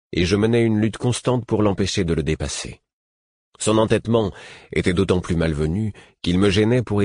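Male narrator, very low voice, husky, steady first-person storytelling, dry close studio sound. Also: dry recording. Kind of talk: audiobook narration.

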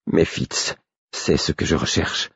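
A man voicing a calm, tired male mage who answers quietly and evenly in an audiobook reading. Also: slow pace, no echo, muffled recording.

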